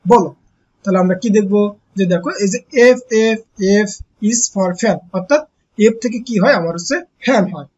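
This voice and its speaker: A teacher with a mid-range voice that's a little mellow and husky takes young pupils through a textbook online, heard over dull audio. Rhetorical questions get posed and then answered, with key words repeated slowly.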